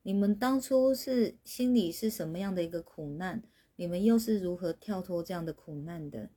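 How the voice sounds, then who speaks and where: A woman, a spiritual teacher on a livestream, explaining patiently as her phrases trail off softly. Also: fairly low pitch, normal speed. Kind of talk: livestreamed talk answering questions.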